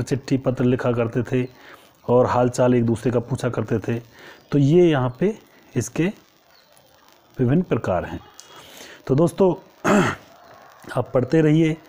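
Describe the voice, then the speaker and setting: A man's voice: mid-range voice, dark tone. A male teacher giving an exam-prep lecture, asking rhetorical questions and answering them himself, and repeating key phrases for emphasis.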